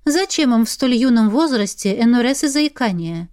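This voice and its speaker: A woman's voice: on the high side, lively intonation, normal speed, darkish tone, clean tone, dry recording, clean studio sound. Wry woman narrating an audiobook. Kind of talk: first-person audiobook narration.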